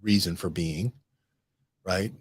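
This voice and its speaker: A man hosting a casual studio discussion, rambling and animated, often restarting and checking in with "right?". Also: sits low, slow pace, husky, no room sound. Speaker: host.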